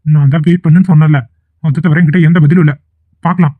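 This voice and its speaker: A man's voice: high-pitched, a little fast, no echo, narrow, tinny audio. A man voicing an impatient, dismissive young male college student in a cartoon. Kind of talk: cartoon voice acting.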